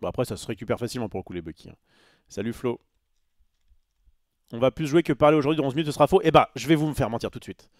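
A man's voice: medium pitch, racing, long pauses, dry recording, studio quality. A man chatting casually on a live stream, rambling with many fillers and restarts and answering his chat.

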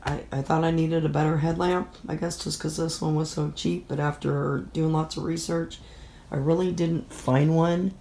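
A woman's voice: low voice, gravelly, warm tone. A middle-aged woman with a stuffy, nasal voice, sniffling with a bad cold as she talks casually through a gear vlog. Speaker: vlogger. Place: indoors in a room at home.

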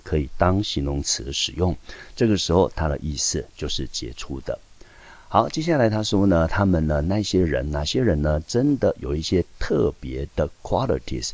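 In a recorded high school teaching video, a man teaches English in Taiwanese-accented Mandarin, explaining step by step and answering his own questions. His voice is a rumbling low, slightly mellow and a bit rough.

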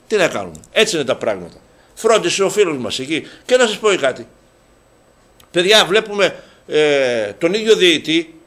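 A local sports show host delivers a heated football commentary monologue, ranting about refereeing. He sounds indignant and sarcastic, swearing and restarting his sentences, in a voice that sits high and is a bit bright.

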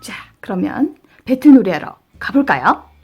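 A woman's voice: fairly high pitch, very animated, normal speed, darkish tone, breathy edge, soft background music. A woman hosting a children's toy show, presenting in a showy, exclaiming way with playful sound effects, like a kids' party entertainer. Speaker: children's toy channel host.

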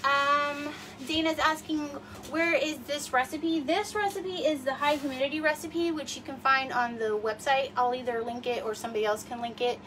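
A high-voiced woman in her forties hosts a casual livestream demo from her home kitchen, chatty and rambling with many fillers, sounding slightly sniffly. Her voice is fairly bright and evenly intoned at normal speed with few pauses. The phone camera sits across the room, so she sounds a little distant, with faint room noise behind her.

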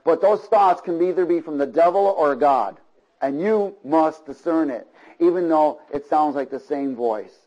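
A man's voice: a little high, unhurried, a little mellow, low-quality recording. A man preaching a sermon to a congregation, with rhythmic repeated phrases and frequent checks for agreement. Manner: asks the congregation for call-and-response agreement. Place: church before a congregation.

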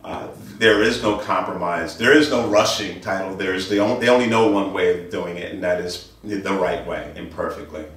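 In a wood-floored listening studio indoors, a middle-aged audio dealer casually pitches products, stressing points and repeating himself. He talks in a low, fairly bright voice at a moderate pace with almost no pauses. The sound comes from a distant handheld camera mic a few meters away, so the room echoes and music runs underneath.

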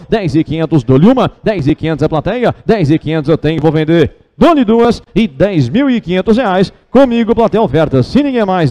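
A Brazilian man working as an auctioneer, calling bids in a rapid, repetitive auction chant with rhythmic, insistent runs of figures. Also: high voice, dark tone. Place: car auction with a live and online audience.

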